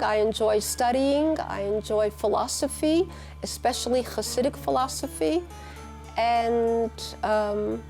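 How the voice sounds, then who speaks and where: An older woman talking about her life in an interview, reflective and unhurried. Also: fairly high pitch, darkish tone. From United States. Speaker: teacher and community leader.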